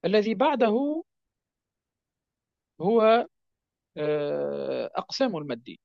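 Gravelly male tajweed teacher, high and lively. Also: dry recording. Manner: explains rules slowly, drawing out example words and checking understanding. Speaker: Quran recitation teacher. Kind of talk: tajweed lesson. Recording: dry, dull lo-fi sound.

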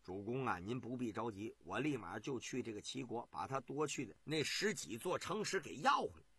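A man voicing a shrewd ancient strategist who speaks in a soothing, measured way in a storytelling show. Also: fairly high pitch, pushed and bright, slightly rough, no room sound, pitched below the performer's own voice, heavily acted. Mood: reassuring.

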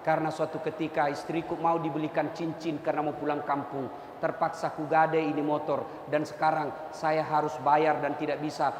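A man voicing a worried husband in debt who confides in a preacher, speaking low and hushed in an echoey hall. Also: level tone, moderate pace, slight background noise, natural voice.

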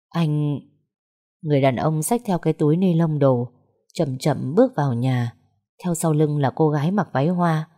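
A woman narrating a sad story in a slow, somber, measured way. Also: low-pitched, mellow.

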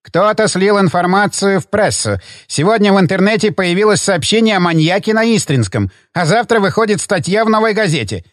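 A man's voice: high voice, animated, fairly quick, few pauses, no room sound, studio quality. A man reading an audiobook, voicing a domineering older hotel owner who barks and bullies. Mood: furious. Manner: barking, bullying, shouting.

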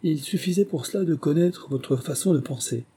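Guy reading as a shy devoted young admirer, bit higher, husky. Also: moderate pace, warm tone. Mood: earnest.

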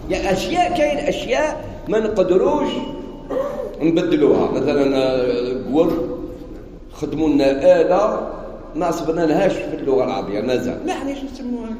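A man's voice: on the high side, fairly quick. Man, Algerian Arabic accent, religious teacher, asks and answers his own questions, roomy echo, faint hum behind. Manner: quizzes listeners and answers himself, animated asides. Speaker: sheikh teaching Quran commentary. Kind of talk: informal religious lesson in dialect. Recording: echoey hall with long reverb.

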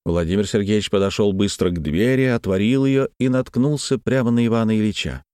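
A man narrating a classic novel in a measured, expressive reading. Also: fairly low pitch, clear, resonant tone, no room sound, clean studio sound. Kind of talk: scripted literary narration.

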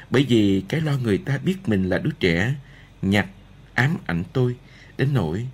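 A man reading a novel aloud in the first person, in a measured, steady way. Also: fairly low pitch, slightly rough. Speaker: audiobook narrator.

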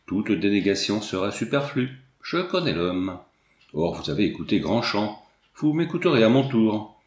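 A man's voice: on the low side, very animated, moderate pace, roomy sound. A man voicing a small, fat, fussy landowner who laments and coaxes theatrically, in a storybook reading. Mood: coaxing.

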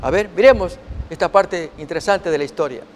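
Male preacher, high voice, teaching from scripture with rhetorical questions, long hall reverb. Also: a little fast, slight background noise. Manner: reads scripture aloud and asks the listeners rhetorical questions. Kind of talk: sermon-style Bible teaching.

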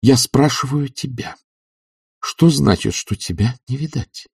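A man's voice: mid-range voice, a little slow, gravelly, slightly rough, no echo, clean studio sound, far from the mic, voice pushed up, heavily acted. A man voicing an impatient young woman who questions sharply in an audiobook. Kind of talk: audiobook character reading.

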